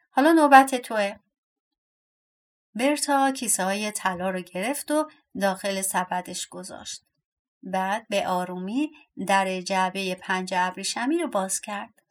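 A woman narrating a fairy tale audiobook with a steady, expressive reading. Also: medium pitch. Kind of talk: storybook narration.

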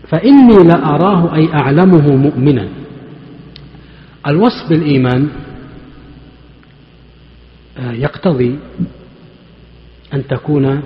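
A man who teaches a mosque lesson on hadith. He explains points step by step and poses questions to his students before answering them himself. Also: on the high side. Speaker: Islamic scholar teaching hadith. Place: large mosque hall. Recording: echoey mosque hall, dull lo-fi recording.

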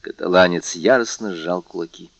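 Low-voiced male audiobook reader. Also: normal speed, gravelly, a bit bright, no room sound. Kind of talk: audiobook narration. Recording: dull, dry audiobook recording.

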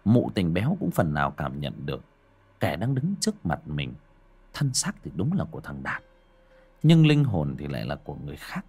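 A man narrating a scripted horror story in a dramatic, expressive way. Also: rumbling low, moderate pace, husky.

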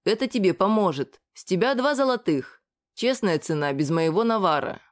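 A woman's voice: mid-range voice, animated, moderate pace, natural voice. A woman voicing a laid-back male sailor who talks lazily and indifferently. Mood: lazy explaining. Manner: lazy, indifferent.

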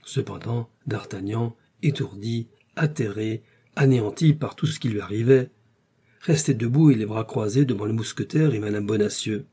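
Male narrator reading a classic novel, measured and even, warm low husky voice. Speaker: audiobook narrator.

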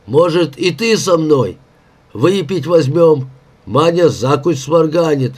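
A man voicing a drunken, boastful old welder with a hoarse, growling voice torn from deep inside. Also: lively intonation, takes it slowly. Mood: coaxing. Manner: rustic boasting, shouting. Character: old male welder, drunken, blustering, toothless. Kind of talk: audiobook character voice.

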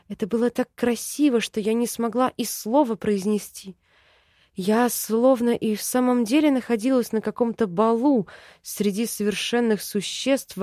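A woman's voice: on the high side, warm tone, dry recording, studio quality. A woman narrating a first-person novel in an emotive storytelling manner. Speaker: audiobook narrator.

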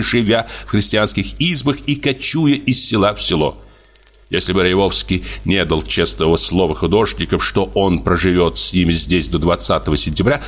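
A man reading a classic short story aloud in a measured, expressive audiobook narration. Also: lowish voice. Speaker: audiobook reader.

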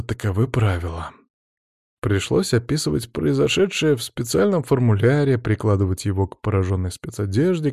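A man reading a first-person audiobook narration in an even, measured way. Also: on the low side, no room sound, studio quality.

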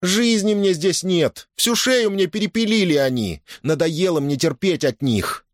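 A man's voice: high voice, lively intonation, measured pace, no echo, clean studio sound, pitched above the performer's own voice. A man voicing a stubborn young peasant wife who answers back sharply and defiantly.

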